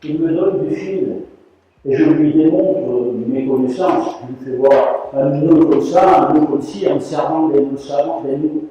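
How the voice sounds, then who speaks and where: A man's voice: fairly high pitch, unhurried. Older man telling stories in an echoey hall. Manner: animated, acts out quoted voices. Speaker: rug weaver giving a talk. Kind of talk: storytelling talk to an audience. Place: large hall. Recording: dull, echoey hall recording from far off.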